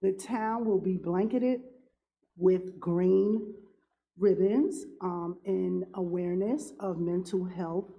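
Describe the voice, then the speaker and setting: A councilwoman with a cold giving earnest, halting closing remarks at a town council meeting, with many pauses and fillers. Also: lowish voice, lo-fi sound. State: has a cold, cough drop in mouth.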